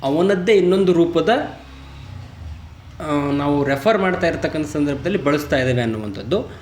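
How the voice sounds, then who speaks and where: A man teaching grammar, reading his English example sentences slowly and deliberately. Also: on the high side, expressive, a little mellow, roomy sound, a little hiss or hum. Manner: slow, deliberate English example sentences between quick Kannada explanations. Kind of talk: explaining grammar in a lesson.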